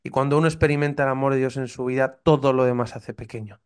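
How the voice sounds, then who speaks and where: A Castilian-accented Spanish priest in his thirties speaks as a podcast guest, sharing his faith story with earnest fervor. His mid-range voice is steady, quick, clear and resonant, and he acts out his own past doubts as he tells it.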